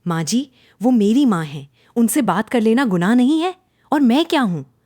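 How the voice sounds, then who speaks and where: A woman's voice: a little high, expressive, moderate pace, mellow, no echo, studio quality, pitched above the performer's own voice. A woman voicing an overworked young daughter-in-law who answers back in a pained, pleading way in a cartoon story. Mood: hurt.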